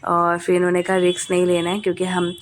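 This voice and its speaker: A woman's voice: lowish voice, completely flat delivery, fast, a little hiss or hum. A young adult woman with a cold, narrating a family vlog in casual chat, with many hesitant fillers. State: coughing, has a cold. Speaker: family vlogger.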